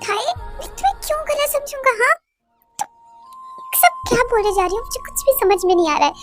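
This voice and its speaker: A woman's voice: extremely high pitch, very animated, brisk, fairly bright tone, faint music behind, pitched above the performer's own voice, heavily acted. A woman voicing a protective young man who anxiously coaxes and questions in a fan audio drama. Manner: urgent, coaxing, anxious questioning.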